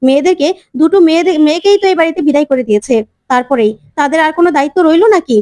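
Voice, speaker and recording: A woman voicing a sharp-tongued old grandmother who scolds and taunts. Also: high-pitched, rapid-fire, no echo, clean studio sound, voice pushed up, close to an everyday voice. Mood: scolding.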